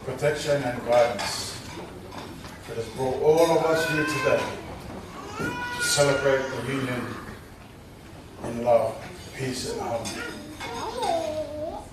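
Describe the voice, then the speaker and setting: Slow, breathless man in an echoing hall. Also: mid-range voice, big pitch swings. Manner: halting, loses his train of thought, jokey. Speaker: groom's brother giving welcome speech. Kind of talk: informal wedding speech. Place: wedding reception hall. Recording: echoey hall, distant mic, noisy.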